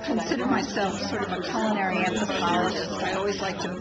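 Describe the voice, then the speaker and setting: A woman's voice: medium pitch, level tone, quick pace, dull audio, loud music behind the voice. Thoughtful woman cookbook author. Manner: thoughtful, hesitant start. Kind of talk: short interview answer at a conference. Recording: loud crowd at a conference.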